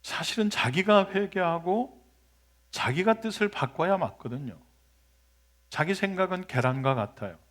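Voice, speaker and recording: A male pastor preaches a sermon, retelling a story with lively, conversational energy. His voice sits a little high for a man. He keeps turning to the congregation with questions. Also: a little slow.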